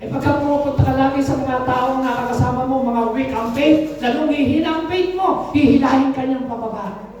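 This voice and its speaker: A woman's voice: high-pitched, brisk, darkish tone, muffled recording. A woman pastor preaching a sermon in a church, often calling out to the congregation for an "Amen". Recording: echoey room, mic far off.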